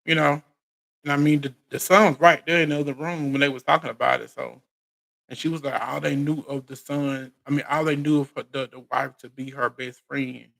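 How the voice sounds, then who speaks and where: An American man hosts a casual live recap of reality TV, his medium-pitched voice showing vocal fry and a bit of brightness over poor audio. He talks in informal, colloquial phrasing, often restarting and repeating phrases.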